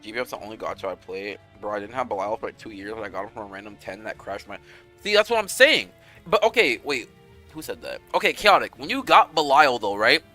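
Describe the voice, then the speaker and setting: A young man chatting casually with his viewers on a game stream, animated and rambling, swearing freely. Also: on the low side, quick pace, faint music behind.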